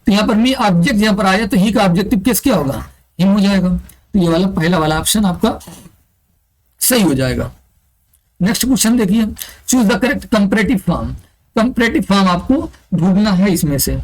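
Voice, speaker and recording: Speaking fairly quickly with lively intonation, a high-voiced man leads an online English grammar class for exam prep on a low-quality recording. He works through the material step by step, posing and answering his own questions and repeating key terms.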